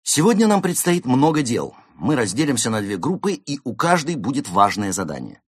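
A man voicing a calm, confident male fox who leads his friends. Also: medium pitch, normal speed, husky, no room sound, clean studio sound, voice pushed up. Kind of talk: audiobook character voice.

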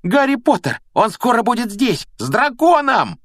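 A man voicing a panicked schoolboy who whines in a high, shrill voice, recorded dry and close. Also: big pitch swings, moderate pace, fairly bright tone, no room sound, full character voice. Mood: frantic shrieking. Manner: shrill, whining.

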